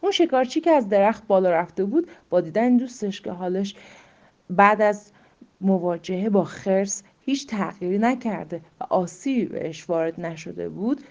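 Woman storyteller, slow suspenseful reading, whispery drops, mellow dark tone, muffled lo-fi sound. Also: medium pitch. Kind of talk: dramatic story narration. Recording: muffled lo-fi recording.

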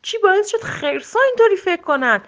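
A woman voicing a wise old male lion in a storybook, asking calm questions. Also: extremely high pitch, highs cut off, voice pushed up.

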